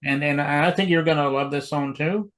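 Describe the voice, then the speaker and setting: A man's voice: a little high, moderate pace, a bit bright, poor audio. A man hosting an interview show in an easygoing way, with lots of fillers. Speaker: show host.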